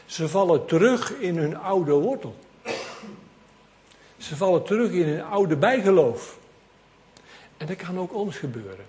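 A man preaches to his congregation, his voice pitched a little high. He tells the story in a lively, conversational way and turns often to address his listeners directly. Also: a little slow, long pauses, a little hiss or hum. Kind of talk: sermon.

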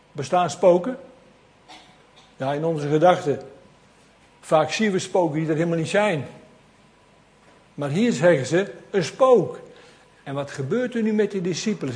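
A man preaching a sermon in a lively, conversational way, with asides to the congregation. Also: a little high.

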